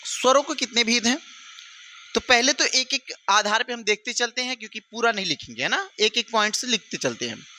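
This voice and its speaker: Bright, high-voiced male Hindi teacher. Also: animated, slight background noise. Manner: repeats phrases slowly for dictation, addresses students as brother. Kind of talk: online exam-prep lesson.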